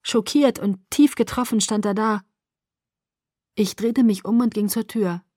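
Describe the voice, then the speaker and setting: A woman narrating a first-person audiobook in a measured, expressive storytelling voice. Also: mid-range voice, dry recording, studio quality.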